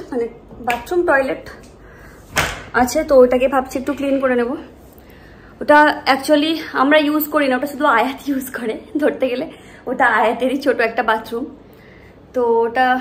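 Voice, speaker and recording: A woman's voice: high-pitched, a little hiss or hum, rough recording. A woman chatting casually to her viewers in a daily home vlog, explaining her chores as she goes. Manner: talks softly while child sleeps; sing-song coaxing voice with child. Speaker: vlogger. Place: home, kitchen and rooms, indoors.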